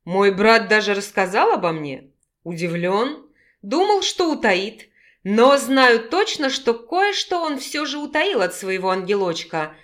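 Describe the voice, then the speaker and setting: A woman's voice: mid-range voice, expressive, unhurried, lightly acted. Woman reading a snarling werewolf villain. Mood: gloating. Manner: snarling, gloating threats. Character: menacing male werewolf villain, vengeful twin.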